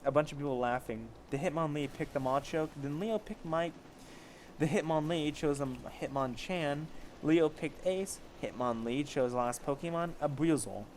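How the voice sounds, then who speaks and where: Reading fan fiction out loud in a casual, amateur way, this man trips over words and goes back to fix them. His voice is on the high side and a little mellow, at normal speed, with a little hiss or hum in the audio.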